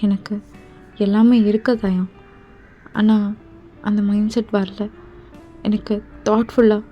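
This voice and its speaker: A woman's voice: mid-range voice, level tone, slow pace, dull audio, faint music behind, close to an everyday voice. A woman voicing an upset young girlfriend in a fan voice drama, with a hurt, defensive, pleading manner.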